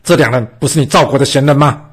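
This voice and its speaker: A man voicing a gruff, curious male enemy general who talks bluntly. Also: medium pitch, fast, natural voice.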